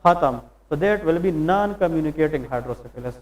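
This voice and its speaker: High-voiced man lecturing, quizzing his class. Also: animated, poor audio. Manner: quizzes students with questions and answers them himself; slows down to stress English terms. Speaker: medical lecturer. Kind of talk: Hindi-English classroom lecture.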